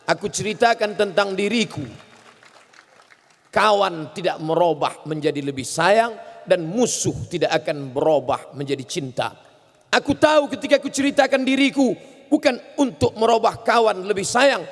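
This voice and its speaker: A man preaching a humorous sermon, telling stories and acting out voices and sounds. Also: high-pitched. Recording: reverberant hall.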